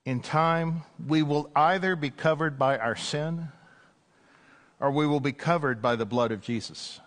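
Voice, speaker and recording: In church, an Anglican priest speaks from the pulpit microphone in a slightly high voice and at a slightly slow pace. He keeps the sermon conversational, sprinkling in soft jokes and "uh" fillers.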